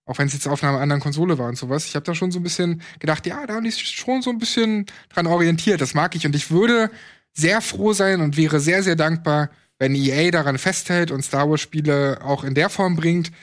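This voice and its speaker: Male co-host of a casual gaming chat, animated, rambling, slightly high voice. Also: fairly quick. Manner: animated, rambling, many fillers. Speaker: podcast co-host.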